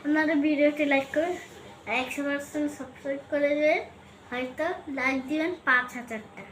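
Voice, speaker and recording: Woman, high voice, playful vlog chat, echoey room, faint hiss. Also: fairly even intonation, a little fast, a bit bright. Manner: playful, counting upward.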